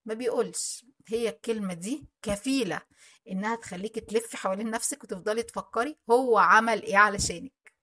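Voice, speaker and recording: A woman's voice: medium pitch, fairly quick, sharp tone. A woman with an Egyptian Arabic accent giving earnest advice to viewers in a vlog, often restarting and hesitating mid-sentence. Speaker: channel host.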